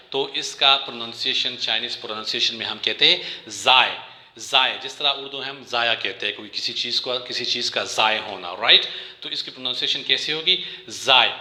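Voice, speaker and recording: A man teaching a language lesson, patiently repeating each word slowly for learners. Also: mid-range voice, sharp tone, echoey room.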